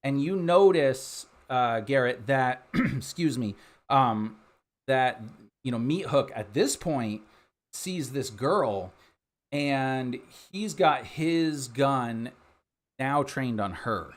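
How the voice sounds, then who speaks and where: A man running a tabletop game, narrating casually as he improvises, in a halting, conversational way. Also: mid-range voice, animated. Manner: halting, conversational, many trailing pauses. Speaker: game master.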